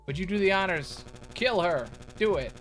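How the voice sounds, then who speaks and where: A man's voice: sits high, expressive, normal speed, fairly bright tone, soft background music, voice pushed up, low-quality recording. A man voicing a defiant, suspicious male adventurer in a video game, brash, accusing and bossy. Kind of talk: reading video game dialogue in character.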